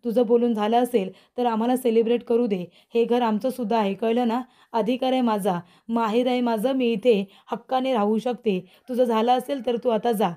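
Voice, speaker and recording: A woman's voice: fairly high pitch, steady tone, moderate pace, hardly any pauses, dark tone, close to an everyday voice. A woman reading a defiant, proud young woman. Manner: defiant, retorting.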